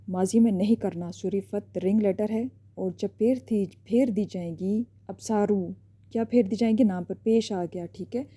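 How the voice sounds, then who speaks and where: A woman gives a recorded lesson in a very dark, mellow voice. She walks through each point step by step and keeps checking in with a short "okay" before moving on. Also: mid-range voice, slightly rough. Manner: explains step by step, often checks with a quick "ठीक है". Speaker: teacher.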